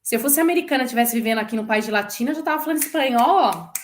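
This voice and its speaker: A Brazilian woman in her forties, a former flight attendant, chatting in an interview and telling stories with lively acted-out quotes. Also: on the high side, very fast. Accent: Brazilian Portuguese. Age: 40s. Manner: lively storyteller who acts out quoted voices. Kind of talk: casual chat interview.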